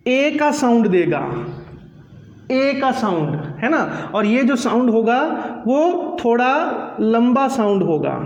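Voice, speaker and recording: High-voiced, slow, patient pronunciation teacher man. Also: echoey room, big-room sound. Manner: patient, repeats each word several times. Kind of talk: slow classroom explanation.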